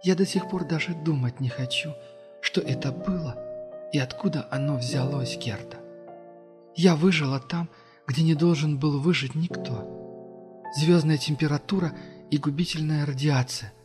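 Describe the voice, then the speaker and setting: A male reader voicing an ancient, sorrowful being in a little girl's body, speaking quietly and slowly, in an audiobook. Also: medium pitch, long reverb tail, soft background music, natural voice.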